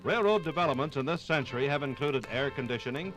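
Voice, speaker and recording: An American man narrates a 1950s radio documentary from a script, with music behind him, in a formal, emphatic, oratorical style. His medium-pitched voice is expressive, fast and fairly bright. The program comes from vinyl.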